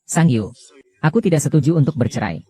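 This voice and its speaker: A man's voice: fairly high pitch, animated, fairly quick, dark tone, close to an everyday voice. A man dubbing a drama role: an earnest young husband who pleads with his wife not to end their marriage. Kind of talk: dubbed drama acting.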